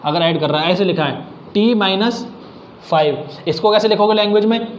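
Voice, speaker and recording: High-voiced man tutoring math. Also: moderate pace. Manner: explains step by step, mixes English math terms into speech. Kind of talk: casual classroom teaching. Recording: echoey room, faint background noise.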